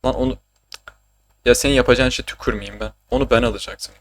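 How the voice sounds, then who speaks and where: A young man from Turkey streams a game and chats the whole time, mid-pitched and loose, cracking jokes and swearing freely. He talks in a casual, rambling way with frequent bursts of laughter. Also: fast talker, creaky. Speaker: gaming streamer. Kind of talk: casual gaming commentary.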